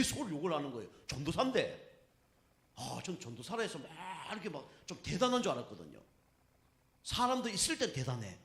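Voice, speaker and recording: Animated Korean pastor in an echoey church. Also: male voice, high voice. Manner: animated storytelling, voicing others in quotes. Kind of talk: sermon. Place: church sanctuary.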